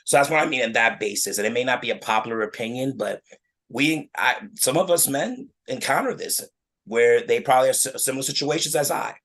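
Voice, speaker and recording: A man co-hosting a casual podcast chat, explaining his view earnestly with many halting restarts. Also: mid-range voice, a bit bright. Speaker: podcast co-host.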